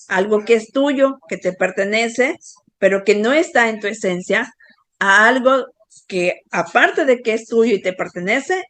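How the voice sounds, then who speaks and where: A woman's voice: a little high, fairly bright tone, dry recording. Woman giving an explanatory talk. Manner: explanatory, asks the audience for agreement; uses diminutives. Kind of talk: motivational talk.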